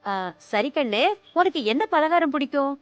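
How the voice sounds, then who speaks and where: An actress playing an affectionate, homely village aunt in a TV serial. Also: female voice, high voice, expressive, moderate pace, no echo, lo-fi sound, soft background music. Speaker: Senthil's aunt. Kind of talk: TV serial acting.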